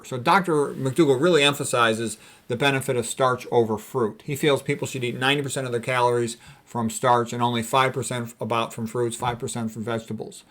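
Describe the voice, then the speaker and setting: A man with a medium-pitched, slightly bright voice reads quotes aloud and comments on them informally as a health educator. His style is folksy and emphatic, and he repeats the key statements.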